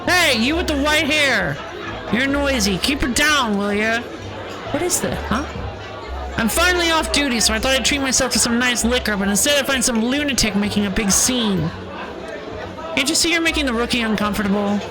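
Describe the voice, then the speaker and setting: A woman voicing an irritable, confrontational off-duty man in a video game, with rough street-tough phrasing. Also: a little high, lively intonation, moderate pace, over music, a crowd in the background, natural voice. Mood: irritated. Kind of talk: reading video game dialogue aloud in character.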